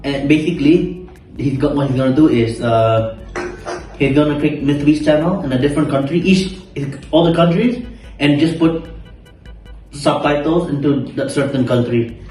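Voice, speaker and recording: A man's voice: on the high side, moderate pace, darkish tone. A young man, a content creator, chatting casually and emphatically, repeating his words and swearing freely. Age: young adult. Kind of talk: casual chat during a mukbang. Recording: echoey room, distant mic, background music.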